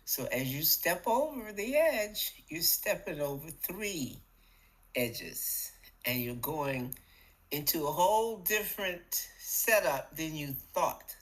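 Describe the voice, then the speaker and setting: A middle-aged woman hosting a spiritual podcast, talking in a casual, animated way, acting out little voices and laughing often. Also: deep voice, takes it slowly, poor audio. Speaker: podcast host.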